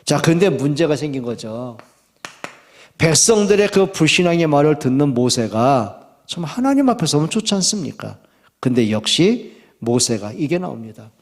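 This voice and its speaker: A man preaching a sermon as pastor, reading scripture slowly and acting out quoted complaints with a raised voice. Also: on the high side, very animated. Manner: reads scripture slowly and deliberately.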